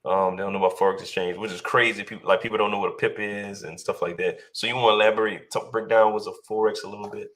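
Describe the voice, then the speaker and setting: A man hosting a casual interview podcast, agreeing often and talking in a halting way. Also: on the low side, fairly even intonation, a bit bright. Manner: agreeable, halting, with fillers and restarts. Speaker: podcast host.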